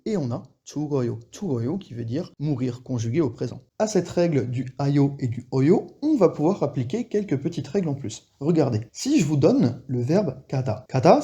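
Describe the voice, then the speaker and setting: A man's voice: on the high side, dark tone, slightly rough, highs cut off. A young man teaching an online language lesson, explaining rules patiently in a casual way.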